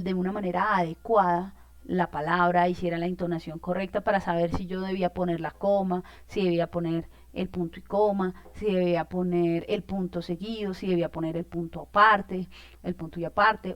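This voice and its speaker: A woman's voice: on the low side, no room sound. A woman teacher, explaining a lesson in an informal way, with many fillers and check-in questions.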